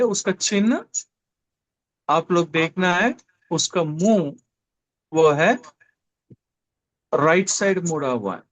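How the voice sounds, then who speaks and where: Slow, repetitive male Greek teacher. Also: a little high, fairly bright tone, poor audio. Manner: slow, repeats key words, explains step by step. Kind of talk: classroom lecture. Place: classroom with a board.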